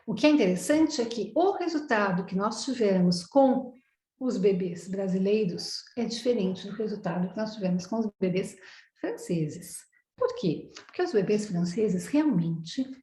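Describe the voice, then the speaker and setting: A woman's voice: medium pitch, a little mellow. Brazilian woman lecturing, roomy sound. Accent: Brazilian Portuguese. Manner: explanatory, asks and answers her own questions. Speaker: psychoanalyst lecturer. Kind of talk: online lecture to professionals. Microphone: video call.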